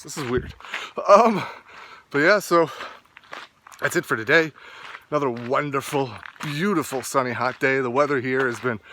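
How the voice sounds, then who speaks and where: Bright-voiced man vlogging casually outdoors. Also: medium pitch, a little hiss or hum. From east coast of Canada. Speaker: fitness vlogger. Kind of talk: casual rambling vlog talk. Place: outdoors, walking in the sun.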